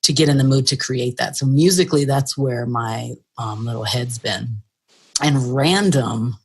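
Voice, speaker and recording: A woman hosting a podcast in easy casual chat, playful and quick to laugh. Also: a bass voice, slightly rough. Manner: playful, laughs often, breezy. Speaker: podcast host.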